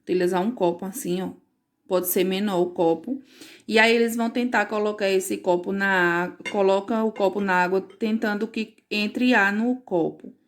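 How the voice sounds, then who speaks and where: A woman's voice: medium pitch, fairly even intonation, normal speed. A woman teacher recording a home lesson for parents, patiently explaining and checking in with frequent questions.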